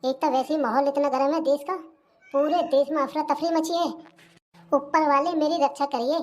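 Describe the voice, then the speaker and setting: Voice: high voice, steady tone, moderate pace, close to an everyday voice. A voice actor playing a suspicious, fearful old village mother-in-law in a comedy cartoon, speaking with a rural Hindi accent. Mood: anxious. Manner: suspicious, fretful, muttering asides.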